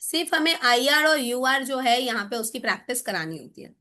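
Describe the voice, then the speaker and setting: A woman's voice: sits high, lively intonation, bright, forceful tone. A woman leading a phonics teacher-training lesson, switching between English and Hindi and sounding out example words. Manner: explanatory, sounds out letter sounds and drawn-out example words.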